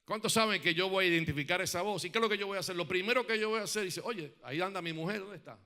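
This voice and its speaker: A man preaching a sermon who calls on the congregation to respond, asks many rhetorical questions, and swings from loud emphatic peaks to quiet, reflective passages. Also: high-pitched, very fast. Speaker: pastor.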